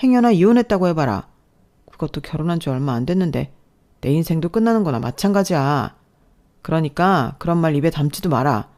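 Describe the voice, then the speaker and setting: Self-serving husband lecturing his wife, mellow low voice, read by a woman. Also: animated, fairly quick. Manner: lecturing, reproachful.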